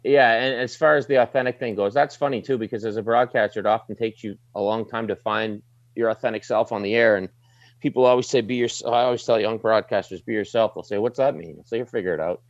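Low-voiced Maritime Canadian man, plain-spoken. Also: quick pace, dry recording, lo-fi sound. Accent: light Maritime Canadian. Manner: plain-spoken, informal, slangy. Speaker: sports broadcaster, desk anchor. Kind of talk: casual interview chat.

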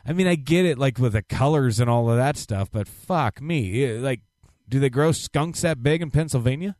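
A man's voice: medium pitch, expressive, moderate pace, a little mellow, dry recording, studio quality. A man in his late thirties, co-hosting a podcast in casual chat, reacting with blunt, profane exclamations. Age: 30s. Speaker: podcast co-host.

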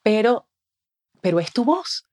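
A woman's voice: fairly high pitch, a little slow. A Venezuelan woman, a communication mentor, talking expressively on a podcast and acting out what people say. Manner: expressive, acts out quoted voices, frequent "¿ves?". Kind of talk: animated interview talk. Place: podcast studio.

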